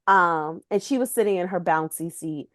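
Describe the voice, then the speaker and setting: A woman co-hosting a podcast, telling funny stories in casual chat, animated and laughing often. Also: on the low side, normal speed, no echo, studio quality. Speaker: podcast co-host.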